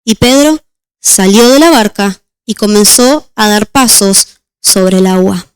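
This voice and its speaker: A woman deaconess preaching a sermon and reading scripture aloud, slowing down on key words. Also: mid-range voice, smooth, no echo. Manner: measured, slows on key words.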